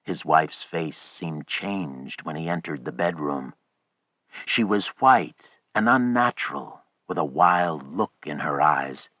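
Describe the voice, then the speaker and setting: A male narrator reading a horror audiobook with a very deep, low voice. He takes his time, grave and measured, in a dry, close sound. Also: animated, bright, forceful tone, no room sound.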